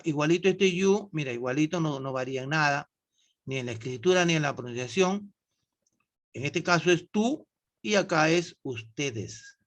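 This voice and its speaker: In a slow, patient online English lesson, a man explains grammar and keeps asking his students questions along the way. His voice is bright and sits a little high for a man.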